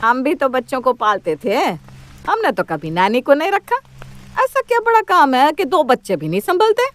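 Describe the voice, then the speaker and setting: A woman's voice: high-pitched, sing-song, moderate pace. A woman voicing a bossy, quarrelsome older mother-in-law in a cartoon story, taunting and scolding. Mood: scornful.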